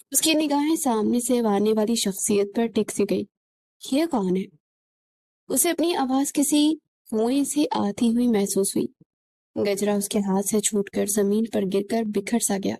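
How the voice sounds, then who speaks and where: Mellow-voiced woman reading a novel. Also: on the high side, slight background noise. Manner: emotive, expressive. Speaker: narrator.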